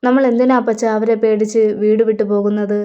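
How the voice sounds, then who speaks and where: A woman reading the part of a young son steadying his parents, in a calm, reassuring storyteller's delivery on a slightly dull recording. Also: fairly high pitch, fast talker, clear, resonant tone, close to an everyday voice.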